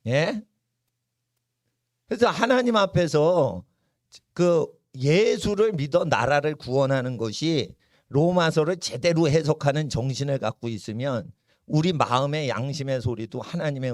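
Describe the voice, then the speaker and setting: A man's voice: no echo, studio quality. A man preaching a fiery sermon at a church service, emphatic and often asking the congregation to respond, then leading a chanting prayer. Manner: emphatic, keeps asking the crowd "예?"; chanting prayer rising in pitch. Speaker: pastor.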